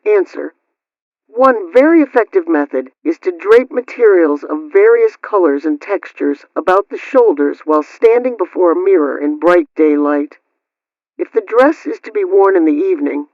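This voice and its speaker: A woman with a lowish, darkish voice plays a prim 1920s housekeeping host on the radio, reading scripted advice in a formal, instructive style. The dull, lo-fi sound comes through an old radio filter, with no room sound.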